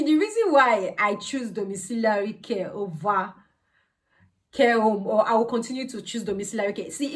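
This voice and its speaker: Casting: Nigerian-accented woman, casual explainer vlogger, emphatic and conversational, average pitch, recorded at some distance from the mic. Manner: conversational, emphatic, repeats words, acts out quoted exchanges. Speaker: vlogger, healthcare assistant. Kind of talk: casual explanatory vlog chat.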